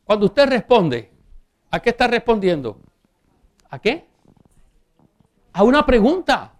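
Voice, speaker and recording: A man preaching a sermon, reading scripture aloud and asking rhetorical questions, slowing down on key phrases. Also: high-pitched, very animated. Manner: reads scripture aloud and comments.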